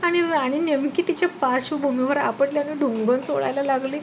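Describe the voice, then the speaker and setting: A woman narrating a family story and voicing every character in an animated way. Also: high-pitched, a little fast, slight background noise, poor audio. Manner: lively, animated narration with raised voice for quarrels.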